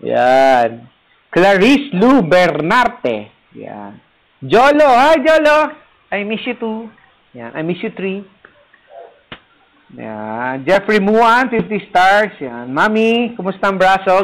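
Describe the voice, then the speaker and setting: Male parish priest, casual livestream host; light, somewhat high voice; playful and teasing. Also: very animated, takes it slowly, long pauses, poor audio. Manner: playful, teasing, laughs at own jokes. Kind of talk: casual livestream chat reading viewer comments. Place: rooftop garden, third floor.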